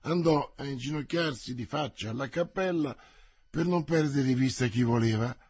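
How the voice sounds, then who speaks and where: A man narrating a novel aloud in an expressive, measured reading. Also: medium pitch, slightly rough, no room sound. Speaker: audiobook narrator. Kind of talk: scripted narration.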